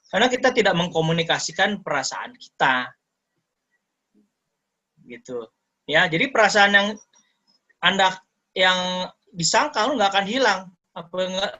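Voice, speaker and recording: A man giving an online talk to teachers, explaining with lively asides, sprinkling in English terms and acting out quoted parents. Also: high-pitched. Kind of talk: online sharing session talk.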